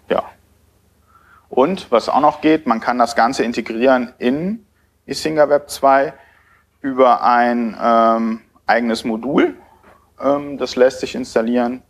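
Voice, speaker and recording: A man in his thirties giving a technical conference talk at a podium in a lecture hall, speaking hesitantly with many filler sounds. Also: medium pitch.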